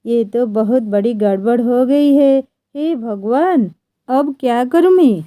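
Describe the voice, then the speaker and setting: A woman's voice: a little high, animated, slow, warm tone, no echo. A woman voicing a timid young servant man. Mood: worried.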